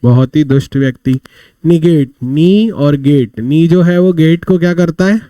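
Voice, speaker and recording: A man runs a live online vocabulary class, using little stories to explain words and posing questions he then answers himself. His voice is on the high side and dark in tone, a little slow, with no echo.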